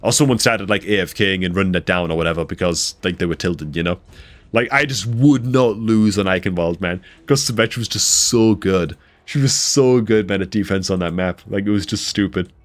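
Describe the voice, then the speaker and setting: A man chatting casually on a live game stream, laid-back and full of "man" and "dude", his voice congested and a bit rough from a cold. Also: deep voice, fairly quick.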